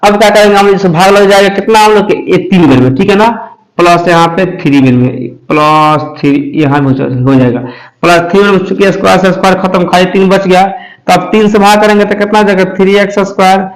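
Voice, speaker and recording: A man teaches math at a coaching class. He works through each step slowly, repeating himself and stopping often to ask if it is clear. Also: sits high, low-quality recording. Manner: slow, repetitive explaining with frequent check-ins. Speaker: math tutor. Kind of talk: blackboard math lesson.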